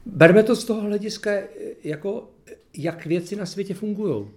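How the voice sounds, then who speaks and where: A man reading a gospel passage aloud and then reflecting on it in a casual, hesitant way with many fillers. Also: high voice. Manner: plain, unhurried reading, then searching, hesitant talk with fillers. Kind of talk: Bible reading followed by personal reflection.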